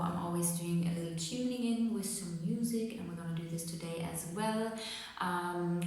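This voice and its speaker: A woman hosts a tarot reading on her channel, speaking informally and directly to viewers in a casual, chatty way. Her voice is on the low side and darkish. The room is very echoey and reverberant.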